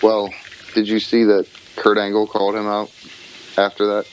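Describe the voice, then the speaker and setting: A man's voice: lowish voice, monotone, moderate pace, a little hiss or hum, rough recording. A man co-hosting a casual podcast, throwing out crude jokes and plain-spoken opinions. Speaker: podcast co-host. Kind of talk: casual wrestling podcast chat.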